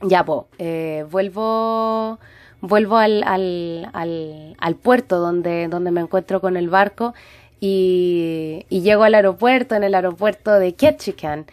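A woman's voice: fairly low pitch, slow, a little mellow, no echo. Dramatic woman telling a story. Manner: dramatic, emotive storytelling with many restarts. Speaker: host. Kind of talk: casual personal storytelling.

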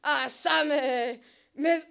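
Woman doing a baffled young guy asking questions, voice rising high. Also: fairly even intonation, drawn-out words, vocal fry, a bit bright, full character voice. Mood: puzzled. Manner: wondering questions. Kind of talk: audiobook character voice.

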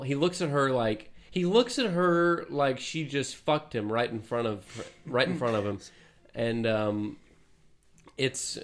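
Brief: male podcast co-host, animated storyteller, salty language. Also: medium pitch. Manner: animated storytelling, swearing, laughing mid-story. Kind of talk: casual chat.

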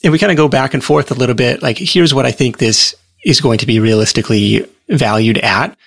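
Gravelly, husky man in a casual interview. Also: mid-range voice, brisk, dry recording. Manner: relaxed, rambling storytelling with fillers. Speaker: guest.

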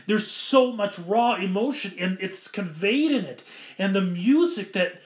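A man's voice: high voice, lively intonation, unhurried, reverberant. A man giving casual, enthusiastic film commentary, rambling and often correcting himself mid-sentence. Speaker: film reviewer.

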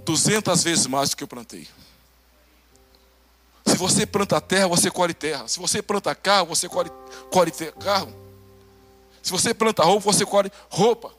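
A male pastor with a Brazilian Portuguese accent preaching a testimony sermon, acting out conversations and swinging between loud bursts and hushed lines. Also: high-pitched, moderate pace, pauses often, faint music behind.

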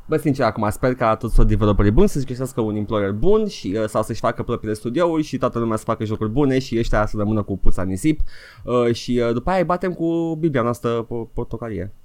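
Lively, mocking podcast co-host man. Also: mid-range voice. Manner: mocking, theatrical jokes, lively. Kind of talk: casual chat.

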